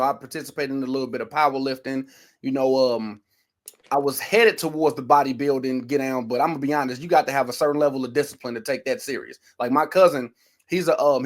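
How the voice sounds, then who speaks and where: A man hosting a casual interview, talking in a slangy, excitable way and laughing often. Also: mid-range voice. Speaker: interview host.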